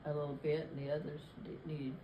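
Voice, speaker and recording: An older woman with a deep voice talks fast and in a monotone, chatting casually with family as an interviewee and rambling and correcting herself while recalling things. The audio is roomy, with highs cut off and background noise.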